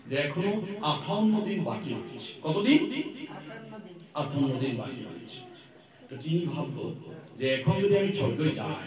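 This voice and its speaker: Male preacher, slightly high voice, echoey hall, far from mic, crowd around. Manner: leads loud chanted call-and-response, jokes with audience. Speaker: Vaishnav preacher. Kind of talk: sermon with call-and-response chanting.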